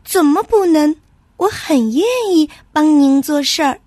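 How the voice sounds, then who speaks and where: A woman voicing a young male pony in a storybook tale, timid and unsure, with a high chirpy voice. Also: slow pace, no echo. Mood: eager.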